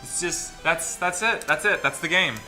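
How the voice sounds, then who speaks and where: A man with a somewhat high voice speaks at a moderate pace, hosting a casual group let's play on a gaming channel. He reads a visual novel's text aloud and chats jokingly, with game music playing behind him.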